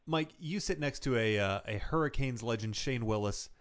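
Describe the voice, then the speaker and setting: Male co-host with an ordinary mid-pitched voice, jokey and teasing in his banter. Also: normal speed. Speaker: sports talk co-host.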